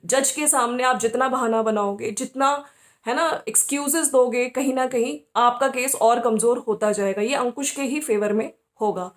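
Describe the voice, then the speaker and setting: Her voice is a little high and her pace normal as this female host shares casual opinions. She talks conversationally, frequently using tag questions to check that listeners agree.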